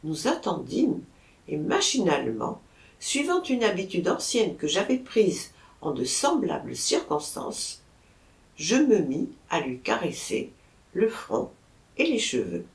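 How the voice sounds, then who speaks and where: A woman narrating a first-person story aloud in a measured, expressive way. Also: lowish voice, creaky. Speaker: audiobook narrator. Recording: roomy echo.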